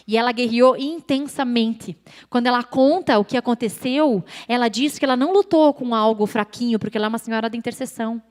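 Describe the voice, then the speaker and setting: Animated Brazilian woman giving testimony. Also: fairly high pitch, fairly quick, big-room sound. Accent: Brazilian Portuguese. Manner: chatty and animated, often turns to the audience. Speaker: church testimony speaker. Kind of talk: personal faith testimony to a live audience. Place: church event stage.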